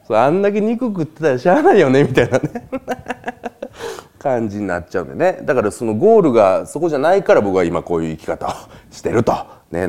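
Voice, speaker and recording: Man, low voice, very animated pitch, chatty solo host, laughs between points. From Japan. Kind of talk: casual solo talk monologue.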